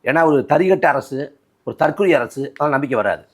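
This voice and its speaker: A man from Nadu, speaking as a party spokesman in a political interview, forceful and rhetorical, repeating phrases for emphasis. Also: on the high side, animated, fast.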